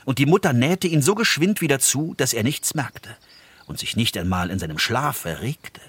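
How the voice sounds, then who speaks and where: A man narrating a fairy tale in an expressive storytelling voice that sinks low and soft at tense moments. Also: normal speed, slightly rough.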